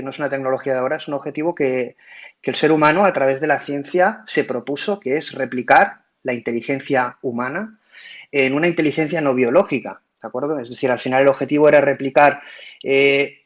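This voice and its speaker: A man from Spain hosts an online audio room, speaking in a middling voice and explaining in a casual way. He stumbles, restarts and fills pauses as he goes. The sound is muffled, like a voice chat app. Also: mid-range voice. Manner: hesitant, many fillers and restarts.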